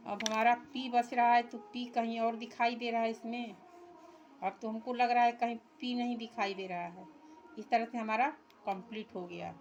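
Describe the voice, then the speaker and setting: A woman teacher with a slightly high, steady voice guides young children through a workbook step by step, translating English words into Hindi. She reads the English lines very slowly, and the recording sounds muffled.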